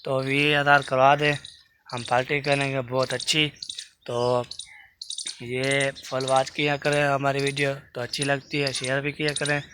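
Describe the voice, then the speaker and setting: A Pakistani man with a Pakistani accent, talking fast and rambling as he vlogs from his village. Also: mid-range voice. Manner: fast, rambling, says he talks fast. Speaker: village vlogger. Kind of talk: casual vlog narration. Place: rural village outdoors. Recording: noisy outdoor recording, birds. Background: birds and outdoor ambience.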